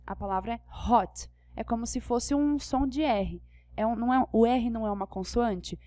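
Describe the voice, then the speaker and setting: A woman's voice: mid-range voice, mellow, dry recording. A young Brazilian woman with a Brazilian Portuguese accent, an English teacher explaining grammar patiently and checking that students follow. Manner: patient, checks understanding with questions. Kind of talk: classroom lesson explaining grammar.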